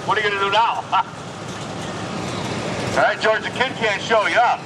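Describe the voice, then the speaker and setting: A man's voice: sits high, moderate pace. A man working as a tractor pull announcer, calling each pull live outdoors and chatting with the drivers. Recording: outdoor event with loud engine noise.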